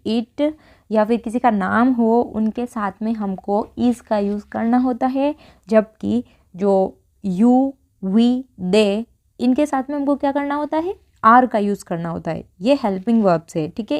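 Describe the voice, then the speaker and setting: A young woman teaching spoken English, who explains grammar step by step and repeats each English sentence slowly. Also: a little high, a little mellow.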